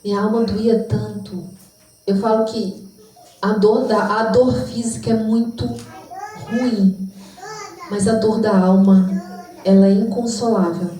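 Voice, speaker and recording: A woman's voice: medium pitch, fairly even intonation, unhurried, pauses often, mellow. A woman giving an emotional, reflective spoken testimony in church. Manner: emotional, reflective, sometimes sings. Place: church hall. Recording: distant mic in echoey church hall.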